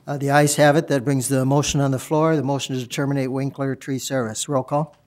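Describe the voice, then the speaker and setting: A man chairing a city council meeting as mayor, moving through motions and votes in a brisk procedural manner. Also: mid-range voice, flat delivery, darkish tone. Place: council chamber, indoors.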